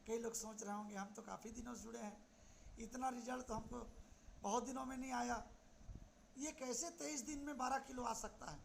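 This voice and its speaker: A man's voice: very high-pitched, steady tone, brisk, gravelly, slight background noise. A man speaking as a senior wellness coach on a video call, enthusiastic and posing rhetorical questions to the audience. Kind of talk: motivational talk on a video call.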